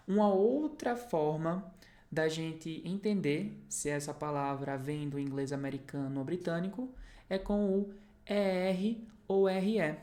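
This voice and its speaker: Low-voiced Brazilian woman teaching English. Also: dark tone. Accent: Brazilian Portuguese. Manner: patient, explanatory, checks in often with the learner. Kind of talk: online language lesson.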